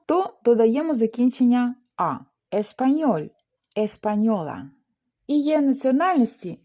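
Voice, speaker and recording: Woman, Spanish teacher, animated up-and-down delivery, careful slow examples. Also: on the high side. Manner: slows down to pronounce Spanish words clearly. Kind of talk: language lesson.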